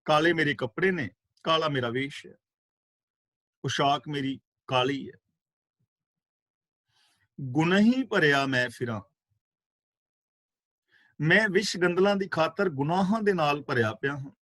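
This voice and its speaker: A man giving a scripture class, reciting verses slowly and explaining their pronunciation and meaning, with fervent rhetorical questions. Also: on the high side, fairly bright tone, dry recording. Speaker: katha preacher. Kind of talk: scripture exposition.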